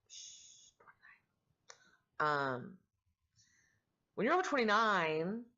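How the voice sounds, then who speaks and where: A middle-aged woman vlogging casually in a candid, rambling, matter-of-fact way, her voice growly and roughened by allergies. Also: low-pitched, fairly bright tone, highs cut off. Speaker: vlogger and foster parent. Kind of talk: casual personal vlog talk.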